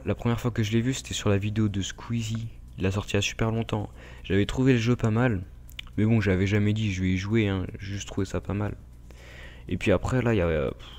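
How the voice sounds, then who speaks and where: A gaming YouTuber with a French accent gives casual, rambling gameplay commentary, heavy on fillers and asides addressed directly to his viewers. His voice is lowish and a little mellow.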